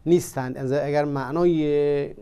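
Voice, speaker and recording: A man teaching vocabulary in a language lesson, explaining slowly with many pauses and fillers. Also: fairly high pitch, steady tone, warm tone, smooth. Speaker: Arabic teacher. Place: studio.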